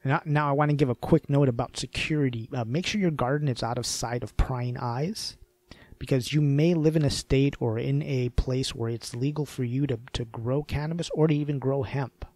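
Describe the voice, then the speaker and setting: A man hosting a podcast, talking casually with fillers and repeated words, a little hoarse. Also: mid-range voice, moderate pace, darkish tone, no echo. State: losing his voice. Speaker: podcast host.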